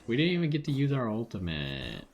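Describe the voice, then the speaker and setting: A man's voice: medium pitch, wildly swooping pitch, brisk. A man streaming a video game and giving laid-back commentary with wry asides. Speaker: gaming streamer. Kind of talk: casual gameplay commentary.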